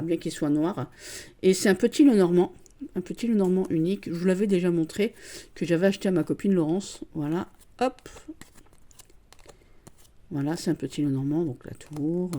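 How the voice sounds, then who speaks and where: A middle-aged woman chatting casually as she shows off her collection, warm and mellow in tone. She gushes freely and keeps dropping small fillers between her words, never in a hurry and never formal. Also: fairly low pitch. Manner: gushing, chatty, full of "voilà" and "hein". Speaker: card-deck collector vlogger. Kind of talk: casual show-and-tell chat.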